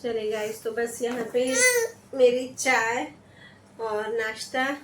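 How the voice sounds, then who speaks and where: A woman from Rajasthan, India, chats to camera as she cooks in her home kitchen and walks through each step. Her voice sits fairly high. The room is echoey, with a faint hum of noise behind her. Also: steady tone, takes it slowly, fairly bright tone, distant mic. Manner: chatty, explains as she works. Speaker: home cooking vlogger. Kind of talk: casual vlog talk while cooking.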